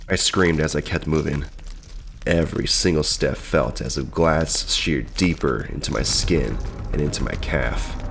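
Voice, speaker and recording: Extremely deep-voiced male horror narrator. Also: measured pace, creaky, a little hiss or hum. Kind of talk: dramatic first-person scripted narration. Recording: loud music bed behind voice. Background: music.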